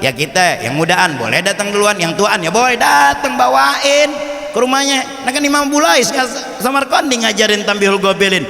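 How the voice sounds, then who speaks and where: A man preaching at an evening study gathering, telling humorous stories and acting out dialogue, swinging between loud bursts and soft asides. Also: sits high, normal speed, vocal fry. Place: mosque hall. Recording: roomy hall with long reverb.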